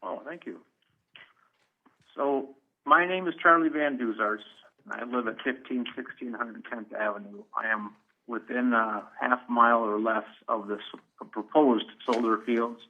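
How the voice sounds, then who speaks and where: A man's voice: medium pitch, steady tone, unhurried. A middle-aged man calling in on speakerphone to give blunt, plainspoken public comment at a county meeting. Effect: on speakerphone over a phone line. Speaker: caller giving public comment. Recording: tinny phone line over a room speaker.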